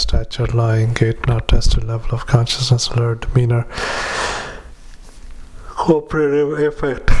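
A male doctor dictating notes into a dictaphone at a retirement community, halting with frequent fillers and reading punctuation aloud. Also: medium pitch, darkish tone, poor audio. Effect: dictaphone recording. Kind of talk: medical dictation.

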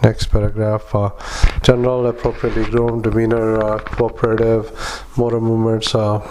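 A man with a lowish voice and very flat intonation delivers medical dictation. He speaks as a clinician, in short broken phrases with frequent hesitations, calling out punctuation and formatting as he goes. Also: a little hiss or hum, rough recording. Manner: halting, fragmented clipped phrases with frequent long hesitations. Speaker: clinician dictating psychiatric notes.

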